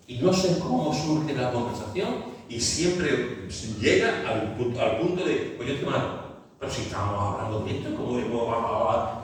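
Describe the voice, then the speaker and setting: A man preaching a sermon in an Andalusian Spanish accent, animated, asking rhetorical questions and repeating phrases for emphasis. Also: a little high, a little hiss or hum. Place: large church hall. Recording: echoey hall, mic at a distance.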